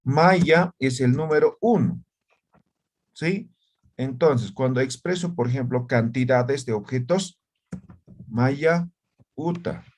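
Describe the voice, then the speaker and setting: A man's voice: medium pitch, slow, long pauses. A man teaching an online language class over a video call, who checks in often with short questions.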